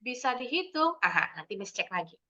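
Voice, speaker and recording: A young woman with an Indonesian accent teaches children English over a dull, lo-fi video call. Her voice sits fairly high and sounds bright and forceful. She explains in a lively, sing-song way, often asking the class quick questions. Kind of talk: online kids' English lesson.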